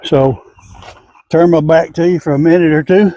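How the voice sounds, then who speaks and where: A man's voice: on the high side, steady tone, normal speed, dark tone, no echo. Folksy older man, dry sound. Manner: folksy, plain-spoken, explains step by step. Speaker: home gardener. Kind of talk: casual how-to garden vlog. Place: outdoors in a home garden.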